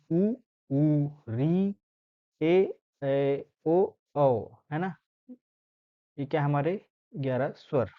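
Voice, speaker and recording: A man teaches a grammar lesson in a slightly raised voice, walking through each point step by step. He pauses to sound out letters slowly and keeps asking if his listeners follow. The recording is muffled and lo-fi. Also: fairly high pitch. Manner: explains step by step, often asks "है ना?". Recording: dull lo-fi sound.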